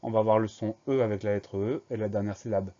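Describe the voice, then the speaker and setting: A man teaching a spelling lesson, slowly and carefully spelling words out letter by letter. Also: lowish voice, fairly even intonation, dark tone, dull audio.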